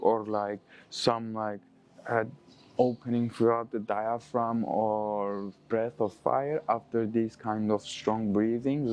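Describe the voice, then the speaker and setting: Guy teaching yoga breathing, lowish voice, non-native english accent, encouraging, kinda halting while he finds words. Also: darkish tone, poor audio. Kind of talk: spoken yoga breathing lesson.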